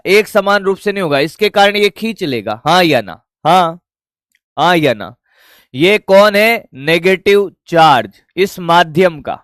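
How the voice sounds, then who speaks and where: A man's voice: high-pitched, fairly bright tone, clean tone, no echo, clean studio sound. A man teaching a physics lesson. He repeats his own questions and answers them himself, and he addresses the students casually.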